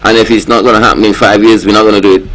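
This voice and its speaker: A man's voice: fairly low pitch, level tone, very fast, a bit bright, low-quality recording. A man with a Kittitian-Nevisian accent speaks earnestly and emphatically in a panel discussion, repeating words for stress. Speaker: talk programme panellist.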